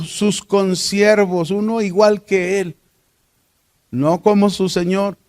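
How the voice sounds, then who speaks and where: Man, Mexican accent, high voice, Bible class teacher, questions to the class. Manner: deliberate, asks the class rhetorical questions.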